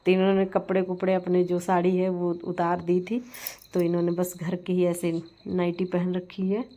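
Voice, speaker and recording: A woman's voice: on the low side, monotone, normal speed, warm tone, highs cut off. Chatty woman narrating a family vlog. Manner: chatty, laughing, storytelling. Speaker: vlogger. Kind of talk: casual vlog voice-over.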